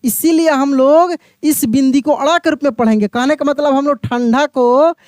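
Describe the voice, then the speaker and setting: A man teaching a beginners' reading lesson, explaining slowly, repeating each word and putting questions to the listener. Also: very high voice, fairly even intonation, a little mellow, no echo, clean studio sound. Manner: addresses the viewer as my friend.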